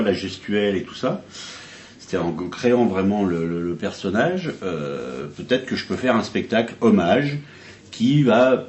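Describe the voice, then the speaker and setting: A man, an impersonator, speaking in an interview in a thoughtful, halting way with fillers. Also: fairly low pitch, a little mellow, roomy sound, a little hiss or hum.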